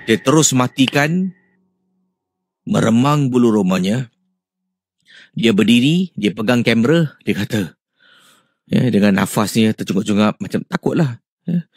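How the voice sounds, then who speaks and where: A man hosting a radio show, reading out listener ghost stories in an animated, suspenseful way. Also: measured pace, pauses often, no echo, studio quality. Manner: animated, with sudden rises in pitch and loudness for suspense.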